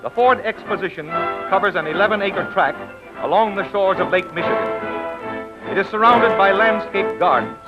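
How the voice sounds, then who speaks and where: A man giving brisk, declamatory scripted narration for an old newsreel, heard through a 1930s film soundtrack. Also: high voice, low-quality recording. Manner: brisk, declamatory announcer delivery.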